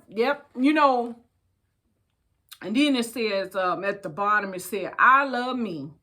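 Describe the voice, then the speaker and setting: With a high voice and a sharp tone, an older woman with an American accent chats and reads a book aloud to her audience as a storytime host. She is folksy and emphatic, calls her listeners babies, and says phrases again for emphasis.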